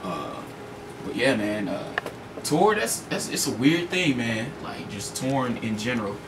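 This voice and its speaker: An American man, a guest hip-hop artist, rambles in slangy, informal talk during a casual radio interview. His medium-pitched voice is very animated yet unhurried, picked up off the mic from a distance in a noisy radio studio.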